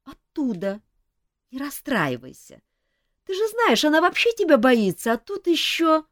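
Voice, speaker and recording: A woman voicing a gentle young male wizard who soothes a friend sympathetically. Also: high-pitched, huge pitch swings, measured pace, dry recording, clean studio sound, voice pushed up, full character voice. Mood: soothing.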